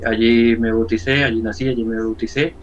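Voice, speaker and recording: A man in his sixties from Valencia with a Spanish accent from Spain, giving an earnest personal testimony as an interview guest, often halting and repeating words. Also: medium pitch, level tone, muffled recording, a little hiss or hum. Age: 60s. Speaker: interview guest, church member.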